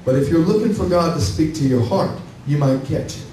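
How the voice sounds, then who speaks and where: A man's voice: a little fast, mellow. A man preaching a sermon as pastor, building his points with rising emphasis and calls out to his church. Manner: high-pitched, preaching with rising emphasis and call-outs to the church. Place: large church hall. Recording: echoey church hall from far off, faint hiss.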